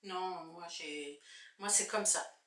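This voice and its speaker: Speaking slowly in a fairly low, fairly bright voice, a woman casually narrates a makeup tutorial, thinking aloud about each product she shows. Her husband films at home, and the recording sounds distant and echoey.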